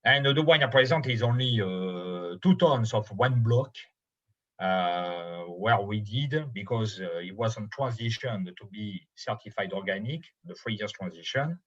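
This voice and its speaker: A middle-aged or older man from Bordeaux with a French accent, giving an informal presentation as a winemaker in halting non-native English phrasing. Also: fairly low pitch, animated, fairly bright tone, breathy edge, muffled recording. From Bordeaux, France. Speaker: winemaker presenting his estate's wine.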